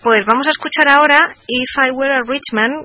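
A woman hosting a radio talk show, summarizing in a measured way and moving the program along. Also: high voice, pushed and bright. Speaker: radio host.

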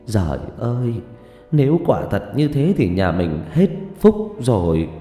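A man's voice: medium pitch, big pitch swings, unhurried, dark tone, echoey room, in a large hall, soft background music. A man voicing a poor, grieving old village mother who pleads with her son through tears. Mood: fearful. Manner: tearful, pleading lament.

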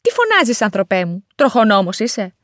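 A woman's voice: medium pitch, very animated, dry recording, natural voice. Woman doing an annoyed driver brushing people off, dismissive, dry close sound. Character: irritated driver man brushing off criticism.

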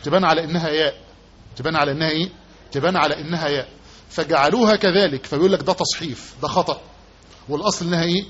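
A man's voice: fairly high pitch, racing, a bit bright, slightly rough. A man with an Egyptian Arabic accent giving a religious lesson as a sheikh, repeating key words and quizzing his listeners with rhetorical questions. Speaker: sheikh teaching hadith commentary. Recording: dull lo-fi lesson recording with faint background noise.

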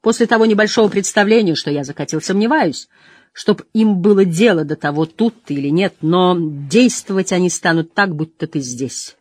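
A reader voicing a stubborn, protective male innkeeper who speaks quietly and firmly in an audiobook reading. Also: medium pitch, normal speed, dry recording, lightly acted. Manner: quiet and firm, gruff.

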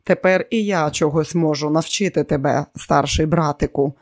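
A man's voice: on the high side, moderate pace, a little mellow, no room sound, natural voice. Man reading a domineering, boastful villain, raised voice, dry audiobook sound. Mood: smug. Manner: boastful and commanding. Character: arrogant scheming man, quick to rage.

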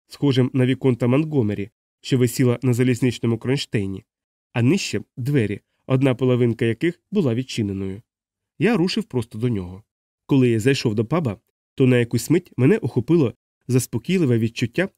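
A man reading a novel aloud as first-person audiobook narration, in a steady, measured way. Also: mid-range voice, dry recording, studio quality. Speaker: audiobook reader.

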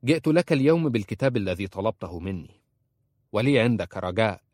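Brief: a man doing a polite, persistent young bookseller, low-voiced and earnest. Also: expressive, quick pace, darkish tone, dry recording, studio quality. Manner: earnest, respectful pleading. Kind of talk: audiobook character voice.

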